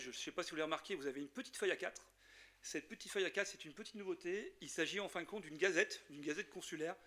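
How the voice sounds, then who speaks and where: Lorraine french guy, kinda high voice, lots of euhs, welcoming the room at an assembly. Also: fairly bright tone. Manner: informal, hesitant with many fillers. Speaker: chamber of commerce president. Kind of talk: welcome speech at a general assembly.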